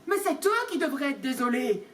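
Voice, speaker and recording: A woman voicing a huge, gruff male giant groundskeeper who bursts out indignantly, heard from a distance with faint room noise. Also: big pitch swings, moderate pace, a bit bright. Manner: booming, indignant outbursts.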